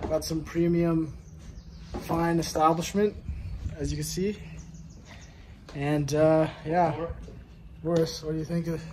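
Young host filming a fishing trip with his phone, high-pitched voice, with wind and engine noise behind it. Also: flat delivery, takes it slowly, pauses often. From Canada. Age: young adult. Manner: joking, mock-review delivery. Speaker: vlog host. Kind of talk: casual fishing vlog commentary. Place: outdoors on a lake and in a car. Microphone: handheld phone camera at arm's length.

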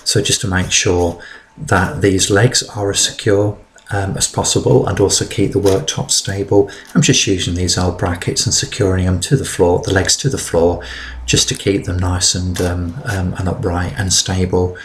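A middle-aged man narrating his DIY build in a relaxed, practical way with fillers. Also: sits low, moderate pace, slight background noise. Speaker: DIY vlogger.

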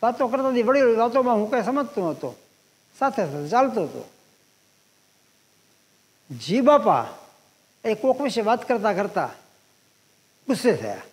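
A man in his eighties telling personal anecdotes to an audience, unhurried, pausing and repeating phrases as he recalls. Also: high-pitched, big pitch swings. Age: 80s. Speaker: guest speaker at a public talk. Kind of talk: storytelling talk to an audience. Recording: long hall reverb.

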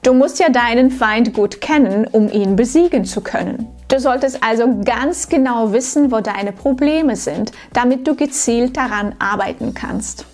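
A woman coaching German pronunciation in a scripted tutorial to camera, slow and clearly articulated, like a teacher. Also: a little high, darkish tone, soft background music.

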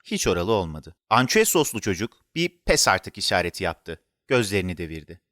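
A man narrating a children's story in an expressive, animated storytelling manner. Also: low voice, fairly quick, no room sound, studio quality.

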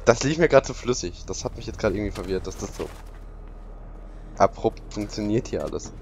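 A man's voice: on the low side, animated, fairly quick, a little mellow, a little hiss or hum. A man commentating a video game as he plays, sarcastic and exclaiming, talking to his viewers. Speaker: let's play commentator. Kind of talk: gaming commentary.

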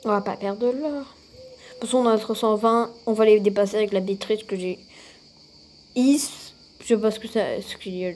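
A woman casually talking through a mobile game she is playing, often breaking into excited exclamations. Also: mid-range voice, moderate pace, slight background noise. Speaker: mobile game channel host. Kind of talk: casual gameplay commentary.

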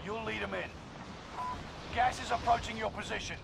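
A man's voice: sits high, steady tone, normal speed, creaky. An actor playing a terse male military commander in a game, giving clipped radio-style callouts. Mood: commanding. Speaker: in-game mission announcer. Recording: loud gunfire and battle noise behind.

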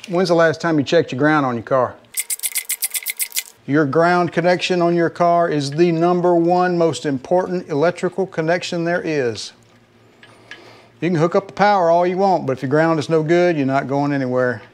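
A middle-aged man with a Southern drawl talks his way through a repair job in his home garage. His voice sits a touch higher than most men's. He rambles in a folksy way and keeps calling his viewers folks. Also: normal speed. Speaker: home mechanic host. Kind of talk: casual how-to narration while working. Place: home garage, working under a car.

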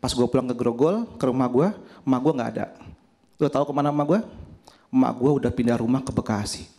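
A man's voice: medium pitch, quick pace. A young man with a Jakarta accent performing a stand-up routine on stage, telling stories with sudden jumps in voice for the punchlines. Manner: animated storytelling, voice jumps up for punchlines. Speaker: stand-up comedy contestant. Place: stage before a studio audience.

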